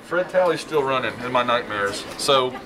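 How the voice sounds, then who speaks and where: A man's voice: medium pitch, expressive, moderate pace. A man co-hosting a football show, playful and jokey. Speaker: football podcast co-host. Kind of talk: casual sports banter. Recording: live show with crowd behind. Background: crowd noise.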